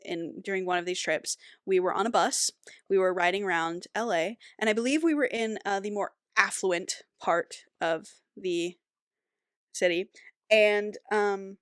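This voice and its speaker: A woman's voice: mid-range voice, a little slow, a bit bright, clean tone, dry recording, studio quality. A woman in her twenties co-hosting a podcast, rambling casually with lots of ums and uhs and apologizing for tangents. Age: 20s. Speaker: podcast co-host.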